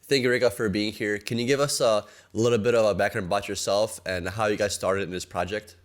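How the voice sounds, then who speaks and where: A man's voice: fairly low pitch, fairly even intonation, brisk. A man co-hosting a podcast interview, introducing the guest and asking attentive questions. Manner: attentive, short backchannel murmurs. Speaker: podcast co-host.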